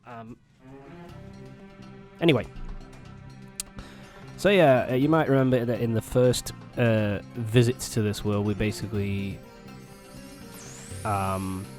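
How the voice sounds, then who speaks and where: A man's voice: lowish voice, steady tone, slow pace, pauses often. A young man giving casual, rambling, sweary gameplay commentary while recovering from a cold. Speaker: let's play host. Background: loud game music.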